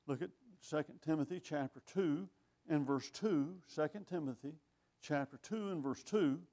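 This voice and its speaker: Delivering a sermon at a moderate pace, an older male preacher speaks with a somewhat high, warm voice. He reads scripture aloud in older phrasing and asks rhetorical questions in a wry, conversational way.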